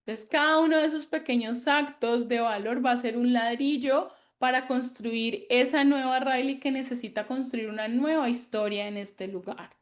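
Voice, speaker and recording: A woman, teaching an online psychology class, explaining patiently and acting out gentle talks with children. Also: on the high side, normal speed, hardly any pauses. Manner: warm, explanatory, acts out gentle dialogues with children. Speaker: psychology course instructor. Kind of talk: online lecture. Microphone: video call.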